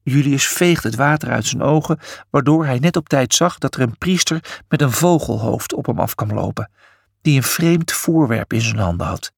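A man reading a children's story aloud, with an expressive delivery. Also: mid-range voice, moderate pace, gravelly, husky, no echo, clean studio sound. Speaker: narrator.

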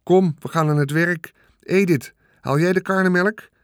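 Man doing a hearty, brisk farmer. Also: high voice, clean tone, no room sound, studio quality, voice pushed up, natural voice. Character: cheerful middle-aged farmer, brisk and hearty.

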